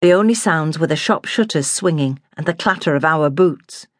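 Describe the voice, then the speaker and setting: A woman narrating a memoir in a measured, plain storytelling manner. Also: low-pitched, no room sound, studio quality.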